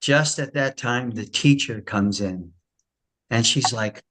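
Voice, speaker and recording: A man, a retired schoolteacher, leading a spiritual class and telling a story in a casual, animated way. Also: mid-range voice, takes it slowly, poor audio. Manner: animated storyteller, acts out quoted voices. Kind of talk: casual storytelling after a lecture.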